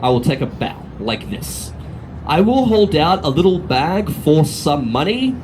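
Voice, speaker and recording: Animated Australian sword swallower doing street patter. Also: male voice, a little high, a little slow. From Australia, from Melbourne. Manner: cheeky showman, teasing the audience and volunteer. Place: outdoor city street. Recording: outdoor street noise with traffic.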